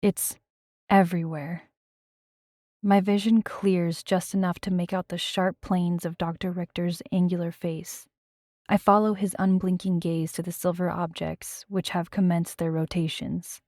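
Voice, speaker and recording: A woman's voice: lowish voice, little pitch movement, moderate pace, dark tone, no echo, studio quality. A woman narrating a first-person audiobook in a tense, dramatic storytelling manner.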